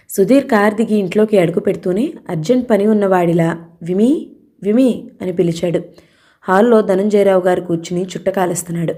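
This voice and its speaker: A woman reading a novel aloud as audiobook narrator, in steady storytelling narration. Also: mid-range voice.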